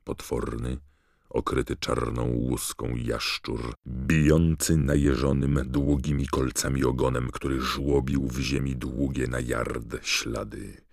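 A man narrating an audiobook in a measured, steady reading. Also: rumbling low, gravelly, dry recording, clean studio sound. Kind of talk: scripted narration.

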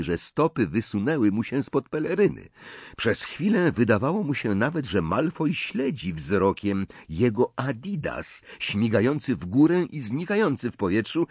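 A man narrating an audiobook in an expressive, animated reading style. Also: fairly low pitch, husky, no room sound. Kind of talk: storybook narration.

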